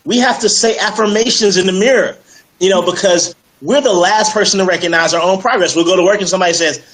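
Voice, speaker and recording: A man speaking as a fitness coach in a casual interview, energetic and persuasive, with many fillers like "you know". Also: high-pitched, fast talker, low-quality recording. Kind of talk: casual interview on a live stream.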